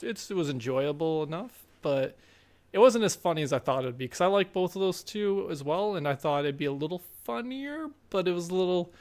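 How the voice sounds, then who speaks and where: Easygoing young guy cohosting a podcast, bit high voice, rambly, laughs a lot. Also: lively intonation, fairly quick, a little mellow. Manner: easygoing, laughs often, many fillers. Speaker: podcast co-host. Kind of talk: casual chat.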